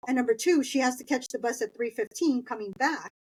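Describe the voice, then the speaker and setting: Her voice is fairly high, darkish and slightly rough, and she talks briskly. She's a middle-aged woman from East Los Angeles, Southern California, whose first language is Spanish, telling an interviewer anecdotes from her school years. She's chatty and laughs as she goes.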